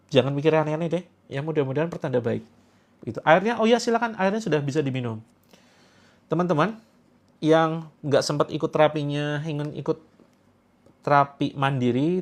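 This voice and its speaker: A man with a somewhat high voice hosts a live stream in a loose, chatty way. He reads viewers' comments and answers them playfully, laughing and exclaiming as he goes. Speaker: host of a live Quranic therapy session. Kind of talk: casual livestream chat reading viewer comments.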